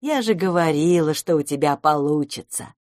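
A woman's voice: low voice, moderate pace, no echo, clean studio sound, natural voice. A woman voicing a kind mother in a children's story who cheers on a frightened kitten. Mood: encouraging. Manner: warm, encouraging.

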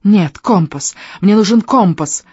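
A reader voicing a hysterical demonic hound in a man's body, with a gurgling, unnaturally high voice that shrieks and chokes on its demands. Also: lively intonation, a little slow, a little mellow, husky, no room sound. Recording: dull, dry lo-fi audio.

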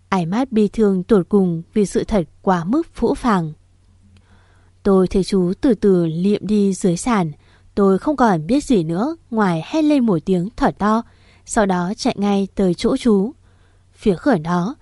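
A woman narrates an emotional first-person story at a middle pitch. Her reading is dramatic and heartfelt, and the sound is close and dry with no room echo. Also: mellow.

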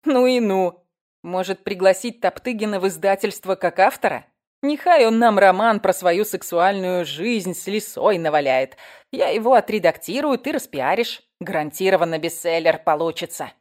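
A woman's voice: medium pitch, expressive, moderate pace, a little mellow, natural voice. A woman reading an audiobook, voicing a sarcastic woman editor who teases and mocks her frightened friend. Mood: mocking. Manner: sarcastic, giggling, teasing. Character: mocking sharp-tongued woman editor, teasing.

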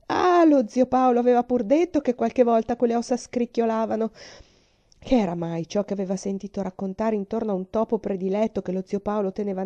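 A woman narrating a classic novel aloud as an expressive, suspenseful audiobook reading. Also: mid-range voice, vocal fry, muffled recording. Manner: dramatic, suspenseful.

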